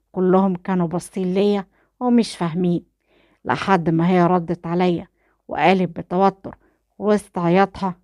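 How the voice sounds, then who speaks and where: A woman with an Egyptian accent reading a first-person romance story in a steady manner. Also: lowish voice, dry recording, clean studio sound. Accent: Egyptian Arabic.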